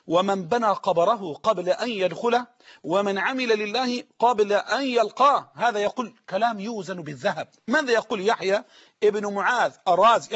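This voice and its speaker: High, fast, husky Egyptian preacher. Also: male voice, a bit bright, highs cut off. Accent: Egyptian Arabic. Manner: emphatic, repeats sayings slowly for dictation. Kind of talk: sermon lesson.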